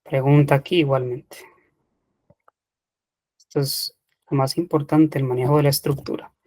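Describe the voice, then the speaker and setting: A man explains English past-tense rules to an online class at an unhurried, deliberate pace. He is methodical and patient, checking in often, and his voice sounds close and dry with no room echo. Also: a little high. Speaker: English teacher. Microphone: computer mic in online seminar.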